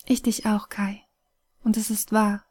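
A woman voicing a weary, wise phoenix spirit that is fading away, speaking calmly and softly in an audiobook reading. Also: mid-range voice, measured pace, husky. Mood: gentle, sorrowful.

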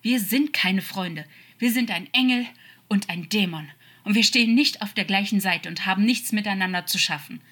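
A woman's voice: medium pitch, moderate pace, fairly bright tone, slightly rough, voice pushed up. A woman playing a cold, scornful angel. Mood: furious. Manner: contemptuous, hard, insulting. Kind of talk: audiobook fan-fiction reading.

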